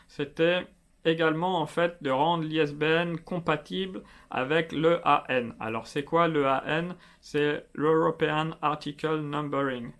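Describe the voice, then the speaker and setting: A man with a slightly high voice hosts a casual explainer on self-publishing. He talks in a chatty, familiar way, tutoring the viewer directly. His speech is full of little fillers. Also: a bit bright. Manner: chatty, familiar, many fillers like euh and bah. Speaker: self-publishing video host.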